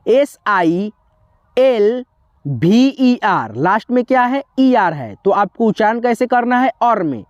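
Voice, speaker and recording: A woman teaching a lesson, spelling words out slowly letter by letter and quizzing the listener. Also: on the high side, expressive, no echo, lo-fi sound. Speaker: English teacher. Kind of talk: classroom-style spelling lesson.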